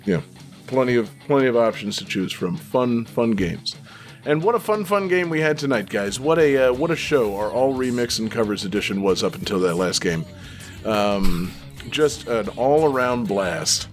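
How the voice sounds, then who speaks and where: A man's voice: mid-range voice, lively intonation, normal speed, faint music behind. A man hosting a live game show podcast, joking around in casual chat with plenty of fillers. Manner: joking, laid-back, many fillers. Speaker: podcast host.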